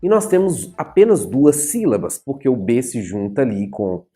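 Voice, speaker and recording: A male teacher giving an animated writing and grammar lesson at a whiteboard, playfully addressing his students and stretching out key words as he explains. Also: mid-range voice, moderate pace, faint music behind. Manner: animated, playfully addresses viewers as "senhores, senhoras e senhoritos". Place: in front of a whiteboard.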